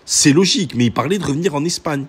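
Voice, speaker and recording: A man's voice: on the high side, lively intonation, fast, breathy edge. A man, giving casual, emphatic reaction commentary in repetitive street slang. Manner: French suburb street slang. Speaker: reaction video host.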